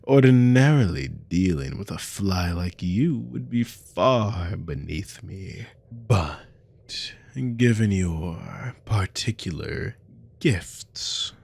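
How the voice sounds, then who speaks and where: A man playing a cruel, haughty naga army commander in an ASMR role-play, slow and domineering, with a gravelly, breathy voice. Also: deep voice, expressive, a little mellow, heavily acted. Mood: haughty, contemptuous. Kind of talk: scripted ASMR role-play monologue to a captive listener.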